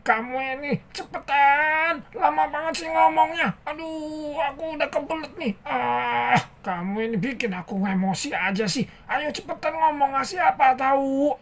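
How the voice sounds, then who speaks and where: A woman voicing an impatient, pushy child who nags loudly in a high voice. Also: moderate pace, hardly any pauses. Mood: impatient, nagging. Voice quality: high, loud and nagging.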